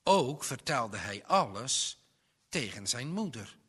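Slow, expressive male storyteller. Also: breathy edge. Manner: expressive, with swings in pitch and loudness. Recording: long reverb.

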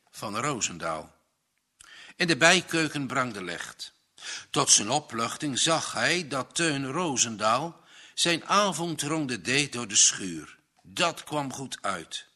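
A man reading a story aloud, narrating slowly and deliberately. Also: mid-range voice, pushed and bright. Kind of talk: audiobook narration.

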